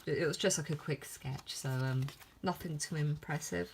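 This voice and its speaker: A woman's voice: deep voice, moderate pace, background noise. A woman with a lisp talking casually and hesitantly through a sketchbook as an artist, in a giggly, self-deprecating way. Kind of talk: casual vlog commentary. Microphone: filmed on iPhone.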